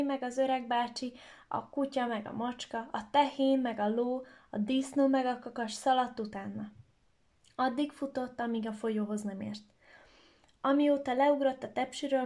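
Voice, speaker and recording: A woman telling a children's story aloud in a lively, expressive way. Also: high-pitched.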